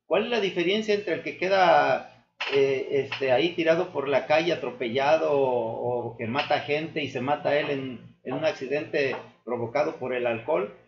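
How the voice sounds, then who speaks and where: A man giving an earnest, sermon-style testimony to his church, addressing the listeners as brothers and often pausing with fillers and restarts. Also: a little high, vocal fry, background noise. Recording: echoey room, dull lo-fi sound.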